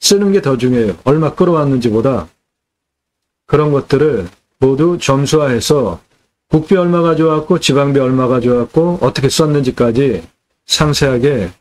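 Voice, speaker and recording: A man's voice: medium pitch, normal speed, a little mellow. A middle-aged man hosting a land sales channel, delivering an indignant, scolding political rant.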